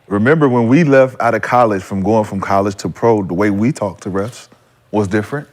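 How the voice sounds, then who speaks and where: A former player co-hosting a sports podcast, telling stories and acting out quotes. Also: male voice, fairly low pitch, brisk. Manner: animated storyteller, acts out quotes. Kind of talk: casual sports chat.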